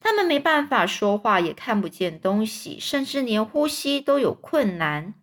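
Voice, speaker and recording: A woman's voice: a little high, big pitch swings, normal speed. A woman reading a children's book aloud, stopping to explain words simply for young listeners. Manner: gentle, with fillers and restarts. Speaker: storyteller.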